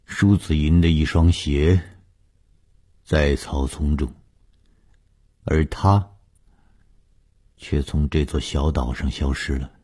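A man narrating a suspense story for radio, reading dramatically and dropping to a hush in tense passages. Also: extremely low pitch, slow pace, pauses often, breathy edge.

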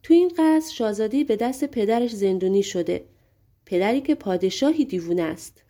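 A woman's voice: mid-range voice, animated, warm tone, lightly acted. A woman voicing a shrewd, persuasive male giant in an audiobook fairy tale.

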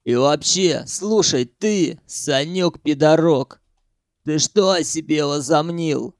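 A male narrator voicing a rough, hot-headed man who hunts in the sewers, talking coarsely and mockingly and swearing freely. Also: on the high side, slow pace, no echo, clean studio sound. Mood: scornful.

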